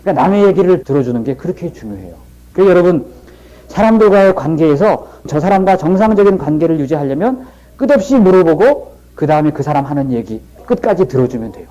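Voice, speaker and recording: A man's voice: on the high side, big pitch swings, quick pace, warm tone, low-quality recording. A middle-aged man giving a lecture and telling stories in a folksy, plain-spoken way. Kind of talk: storytelling lecture.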